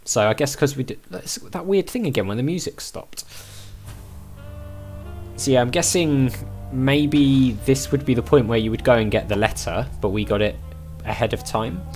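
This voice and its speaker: A man's voice: medium pitch, normal speed, a little mellow, soft background music. A man hosting a let's play, thinking aloud in casual, tentative game commentary. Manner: musing, tentative.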